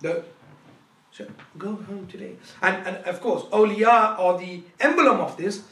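A man's voice: high voice, measured pace, a bit bright, slight background noise. A man giving a Quran lecture as a teacher, joking and telling stories with quoted dialogue. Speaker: Islamic teacher. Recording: echoey room, voice far from the mic.

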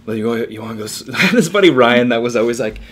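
A man's voice: medium pitch, expressive, fast, fairly bright tone. A young man co-hosting a casual podcast, telling a long story loosely with many fillers. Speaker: podcast co-host. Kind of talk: casual chat.

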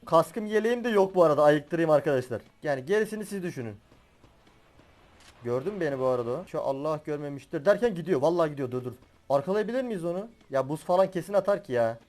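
A young man giving excitable commentary while he plays a battle royale game as a gaming YouTuber, swearing and laughing as he goes. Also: fairly high pitch, fast. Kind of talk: live gameplay commentary.

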